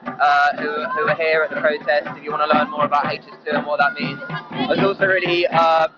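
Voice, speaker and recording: A man's voice: a little high, flat delivery, brisk. Man with an Essex accent, muffled, music behind. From Essex, England. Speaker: activist interviewee. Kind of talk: casual live interview. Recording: muffled audio under loud music.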